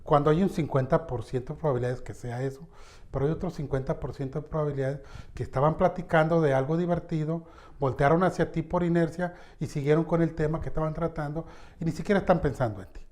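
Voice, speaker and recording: A man teaching a lesson on public speaking, addressing the listener directly and shifting his loudness for emphasis. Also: on the high side, steady tone, fast.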